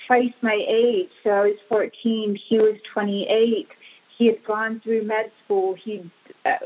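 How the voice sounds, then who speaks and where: Woman from pakistan, guest on an interview, slow and earnest, sounds like a phone call. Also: medium pitch. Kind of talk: interview, personal storytelling. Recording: phone-like narrow audio.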